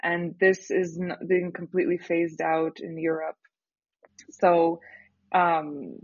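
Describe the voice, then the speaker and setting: A young woman, a startup founder talking earnestly as a podcast guest, with filler pauses. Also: lowish voice, breathy edge, dry recording. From Canada. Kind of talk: casual interview talk. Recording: slightly dull, dry studio sound.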